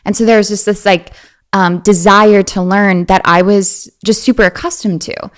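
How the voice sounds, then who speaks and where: A woman in her twenties, a guest talking casually in an interview, animated and often slipping into a high girlish voice. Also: normal speed. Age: 20s.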